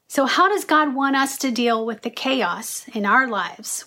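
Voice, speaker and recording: A woman in her thirties from Tennessee hosts a faith vlog, speaking in a somewhat high voice. She keeps an earnest teaching tone with a touch of humor and delivers scripted commentary. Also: fairly bright tone. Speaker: vlog host.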